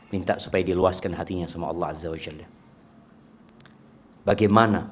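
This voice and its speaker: A middle-aged man giving a sermon, answering audience questions and acting out parents and children in quoted voices. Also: on the low side. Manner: rises to loud emphatic peaks, drops to soft asides. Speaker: preacher.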